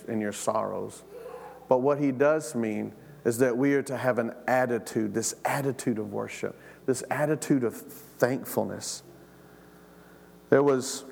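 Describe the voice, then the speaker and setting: A man preaching a sermon as pastor, praying and telling stories, animated, often repeating words and asking the congregation questions. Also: medium pitch, gravelly, big-room sound. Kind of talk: sermon with prayer and storytelling.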